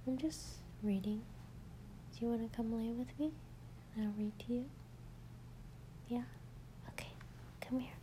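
A woman's voice: fairly high pitch, measured pace, long pauses, warm tone, slight background noise. A woman in an intimate ASMR role-play, speaking tenderly and breathily as a partner reading poetry to someone lying in her lap.

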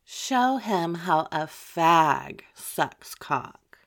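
A woman voicing a domineering female demon in an audio roleplay, talking slowly in a mocking tone with frequent soft laughs. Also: lowish voice, lively intonation, heavily acted.

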